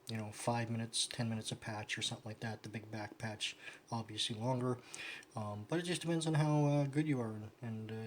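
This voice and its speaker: A man talks casually through a hands-on craft vlog, his pitch sitting in an ordinary middle range. He rambles, trails off and swears offhandedly as he works. The tone is loose and unpolished, like thinking out loud. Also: a little hiss or hum. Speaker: vlogger. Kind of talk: casual how-to chat while sewing.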